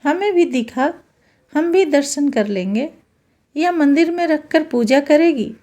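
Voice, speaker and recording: A commanding mother-in-law who scolds the household, voiced by a woman storyteller. The voice is high and mellow. It moves at an unhurried pace. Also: lively intonation. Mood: teasing scold. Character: bossy middle-aged mother-in-law.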